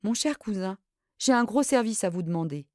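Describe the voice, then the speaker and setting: A woman reading aloud and voicing a frightened young noblewoman who pleads in a high, trembling voice. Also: animated, moderate pace, darkish tone, dry recording, studio quality, close to an everyday voice. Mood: hesitant.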